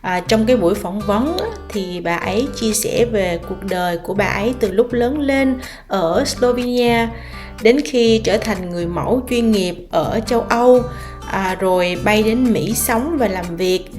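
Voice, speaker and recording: A woman's voice: mid-range voice, normal speed. A woman vlogger giving a casual, chatty introduction with many filler sounds. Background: guitar music.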